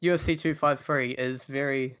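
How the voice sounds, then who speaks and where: A man's voice: mid-range voice, fairly even intonation, moderate pace, a bit bright, low-quality recording. A man co-hosting a casual sports podcast, talking through fights analytically and laughing easily. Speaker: podcast co-host.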